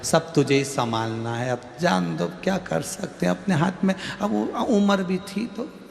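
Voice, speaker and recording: A man's voice: sits high, measured pace, gravelly, exaggerated voice. A man doing a greedy, whining son. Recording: roomy hall reverb, faint music.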